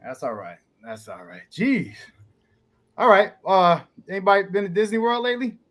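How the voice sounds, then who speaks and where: A man hosting a livestream panel in a calm, easygoing way. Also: high voice, normal speed. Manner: calming, easygoing. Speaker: panel host.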